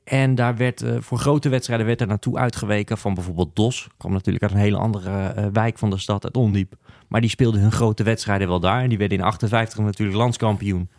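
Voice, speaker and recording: A man's voice: lowish voice, fairly even intonation, quick pace, few pauses, a little mellow, dry recording, studio quality. A man with a broad Utrecht Dutch accent, chatting and telling stories in a wry, colloquial way as a podcast panelist. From Utrecht, Netherlands. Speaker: podcast panelist on football history. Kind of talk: casual chat, storytelling.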